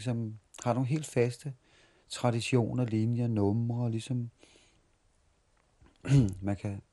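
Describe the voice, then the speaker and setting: A man's voice: mid-range voice, mellow. A Danish man in his forties telling stories in an interview as a street performer, often restarting and repeating words as he remembers. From Denmark. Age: 40s. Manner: halting, repeats and restarts words while reminiscing. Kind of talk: storytelling interview.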